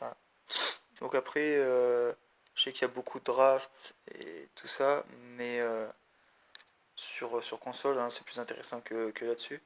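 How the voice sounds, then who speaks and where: A man's voice: medium pitch, gravelly, fairly bright tone. A man giving casual, rambling commentary on a mobile football game and talking straight to his viewers. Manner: rambling, chatty, addresses viewers directly. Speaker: mobile gaming video creator.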